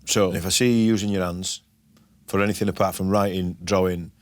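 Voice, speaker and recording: A middle-aged head teacher with a Yorkshire accent talks firmly and plainly about his school and pupils in a documentary interview and school talk. His low-pitched voice has fairly even intonation, and his manner is measured.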